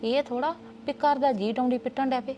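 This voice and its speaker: A woman's voice: high-pitched, fairly even intonation, fairly quick, warm tone, a little hiss or hum. A woman playing an aunt in a family drama, soothing at first and turning indignant. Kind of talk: Punjabi family drama dialogue.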